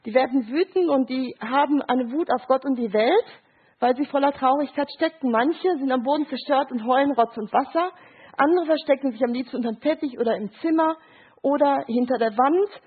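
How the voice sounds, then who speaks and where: Husky-voiced woman giving a grief talk. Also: high voice, moderate pace. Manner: explains with short examples and quoted voices, asks "Ja?". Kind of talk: lecture with picture cards. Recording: thin phone-like sound.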